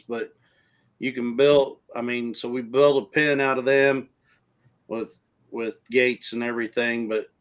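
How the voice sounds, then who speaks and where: A man with a Texan accent, a rancher guest in a casual stream chat, explaining at length in country grammar. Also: medium pitch.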